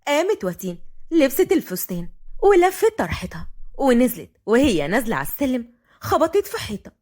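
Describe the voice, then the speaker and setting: An Egyptian woman narrates a romance story with lively, swinging intonation. Her voice sits a little high, and she reads expressively, voicing each character. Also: brisk. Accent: Egyptian Arabic. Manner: expressive, does all the voices.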